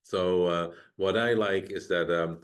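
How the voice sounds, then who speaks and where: A man with a low voice steers a relaxed conversation about AI models. He asks questions and keeps things moving. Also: a little slow. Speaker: co-host guiding the discussion. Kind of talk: casual technical discussion.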